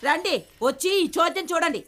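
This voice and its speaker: An actress playing a haughty village matriarch who scolds and commands with open contempt. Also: female voice, very high voice, fairly quick. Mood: scornful. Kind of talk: Telugu film acting. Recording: film soundtrack with loud music.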